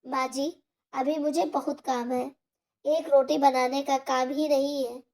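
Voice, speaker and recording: A woman's voice: high voice, little pitch movement, unhurried, a little mellow. A woman voicing a harsh, scolding daughter-in-law.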